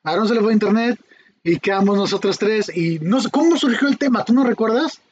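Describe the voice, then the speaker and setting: High-voiced Mexican guy chatting. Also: fairly quick, dull audio, a little hiss or hum. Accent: Mexican Spanish. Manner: laughing, slangy and animated. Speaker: podcast co-host. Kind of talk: casual chat.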